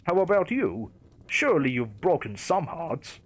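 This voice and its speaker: A man's voice: a little high, big pitch swings, a little slow. A man voicing a guarded, dryly sarcastic young man in a creepypasta narration. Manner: evasive, dry, sarcastic. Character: guarded young man hiding a dark secret.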